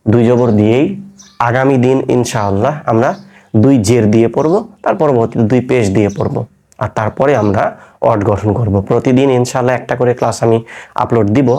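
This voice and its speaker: Man slowly teaching Quran letter drills. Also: mid-range voice, a little mellow. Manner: patient, repeats each letter drill slowly; asks students questions and answers them himself. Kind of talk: online lesson.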